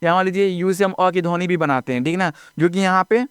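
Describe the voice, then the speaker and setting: Guy teaching english spellings, slightly high clear voice, dry close sound. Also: fast, no echo. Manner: repeats "दोस्तों" and "ठीक है ना" often, spells words letter by letter. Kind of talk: classroom-style phonics lesson.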